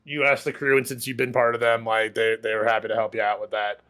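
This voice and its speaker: A man's voice: mid-range voice, flat delivery, quick pace, pushed and bright. Rambling man narrating as game master. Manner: rambling, filler-heavy description.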